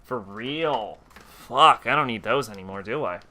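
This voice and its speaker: A man's voice: mid-range voice, lively intonation, a little slow, pushed and bright. A man giving casual, profane commentary while playing a video game on stream. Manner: swearing, self-mocking. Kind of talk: gameplay commentary. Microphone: headset.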